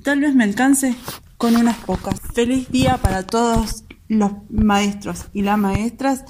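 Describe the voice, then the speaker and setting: A woman's voice: on the high side, a little slow, darkish tone, slight background noise. Woman teacher reading a dedicated poem.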